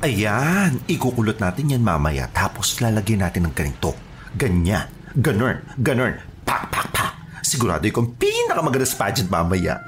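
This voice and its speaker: A man's voice: lowish voice, huge pitch swings, normal speed. A man acts out a vain, flirty beautician in an audio drama. The voice swoops up and down in a sing-song lilt. Faint room noise sits behind him. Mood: chatty.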